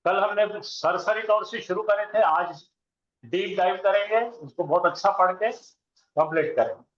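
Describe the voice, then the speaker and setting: A man's voice: sits high, measured pace. A man teaching Arabic grammar to a class. He quizzes the students with call-and-response questions and chants verb conjugations in rhythmic lists. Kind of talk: classroom lecture. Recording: roomy, dull lo-fi classroom recording.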